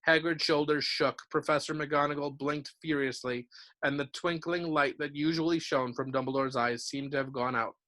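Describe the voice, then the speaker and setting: A man, a teacher, reading a novel aloud to his class in a steady, clear storytelling manner. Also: on the high side, normal speed.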